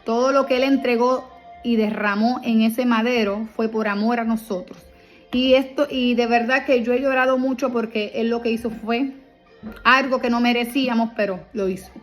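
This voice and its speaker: A woman's voice: fairly high pitch, steady tone, normal speed, soft background music. A woman teaching a Bible passage in a heartfelt, emphatic way, full of rhetorical questions. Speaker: preacher.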